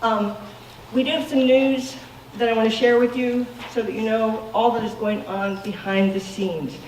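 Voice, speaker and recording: A woman's voice: on the high side, fairly even intonation, moderate pace, recorded from a distance. A woman hosting a club meeting, chatty and upbeat, with frequent ums as she thanks people and makes announcements. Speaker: branch meeting host. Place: meeting hall with audience. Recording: echoey hall, recorded from afar, audience noise.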